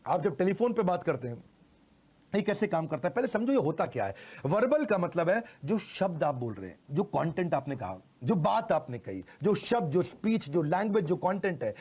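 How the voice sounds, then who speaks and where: A middle-aged man giving a motivational sales lecture, animated, slowly repeating key phrases for emphasis. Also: on the high side, slightly rough. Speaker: sales trainer.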